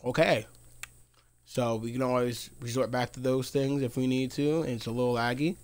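A man's voice: medium pitch, level tone. Rambling man streaming a video game. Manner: rambling, mutters to himself, quick to laugh. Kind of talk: casual live gameplay commentary.

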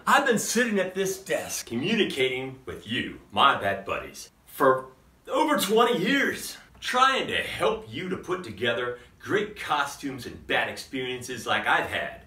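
A middle-aged costume maker hosts his own vlog from a home office crowded with props, addressing viewers in a campy, theatrical style like a kids' show host and chuckling often. His mid-range voice swoops wildly in pitch, a little slow and sharp in tone. He's far from the mic in an echoey room.

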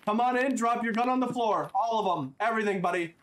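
A man's voice: high-pitched, fast, a crowd in the background. A man playing a police captain in game voice chat, barking commands with mock-stern cop bravado. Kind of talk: in-game voice chat role-play.

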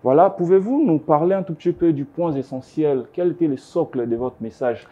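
A man's voice: fairly high pitch, a little fast, mellow, highs cut off. A young man hosting a TV studio interview, asking questions with hesitant fillers and short affirmations. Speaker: TV host. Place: TV studio set. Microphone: lapel mic.

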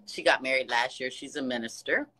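A fan in her sixties from the United States speaks a little fast in a rumbling low voice over a casual phone video chat. Laughing often, she gushes with warm compliments and encouragement. She sits in an office with ceiling lights, the phone camera held close.

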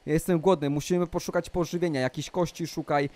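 A young man giving excited gameplay commentary for a video, with panicky shouts and yelps. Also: fairly high pitch, fast. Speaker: gaming youtuber.

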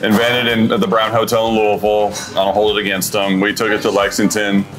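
A restaurant owner's casual food chat: lowish voice, little pitch movement, a little fast. Easygoing and enthusiastic, he drops fillers like "you know" while talking about his dishes in the dining room, caught on a lapel mic over music.

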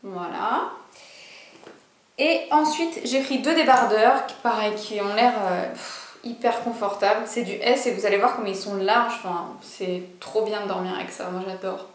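A woman's voice: medium pitch, moderate pace, reverberant. A young woman vlogger chatting casually through a clothing haul, bubbly and full of fillers and asides.

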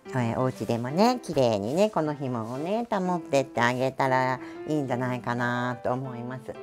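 A middle-aged cat groomer with a Kansai Japanese accent and a rumbling low voice chats her way through a grooming demonstration. She tags her phrases with little asides and giggles.

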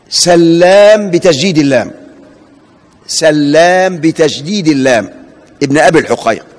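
An Egyptian man with a fairly high voice gives a classroom lecture, tossing questions to his students and repeating names slowly to fix their pronunciation. His voice rings with the long reverb of a large mosque hall. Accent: Egyptian Arabic. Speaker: hadith professor.

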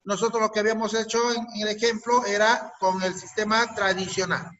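High, bright-voiced male chemistry teacher. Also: level tone, fairly quick, dull audio. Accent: Peruvian Spanish. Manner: questioning, repeats answers, drills students. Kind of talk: online class lesson.

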